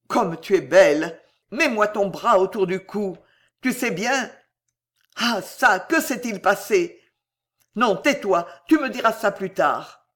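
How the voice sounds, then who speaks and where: A reader voicing a huge, rough male executioner who declaims with big emotional swings. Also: mid-range voice, expressive, slow pace, fairly bright tone. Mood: tender.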